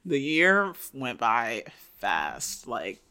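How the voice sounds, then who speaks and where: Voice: medium pitch, sing-song, extremely slow, bright, forceful tone, clear, resonant tone. A co-host in their mid-twenties chatting casually in a laid-back, slangy way and laughing a lot. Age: 20s. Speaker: podcast co-host. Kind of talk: casual chat.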